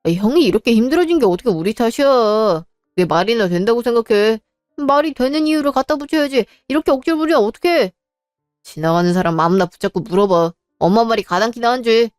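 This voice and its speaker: An argumentative, exasperated husband, voiced by a woman in a narrated family drama. The voice is slightly high and sounds close and dry. Faint music plays underneath. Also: animated, fast talker, a little mellow, dry recording, lightly acted. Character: exasperated married man, younger son. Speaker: husband character.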